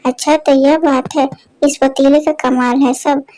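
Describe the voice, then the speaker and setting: Lady doing a sneaky greedy thief guy, storybook, wheedly, high and flat. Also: a little slow, low-quality recording. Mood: sly. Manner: wheedling, pleading when caught. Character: sly greedy village thief, man.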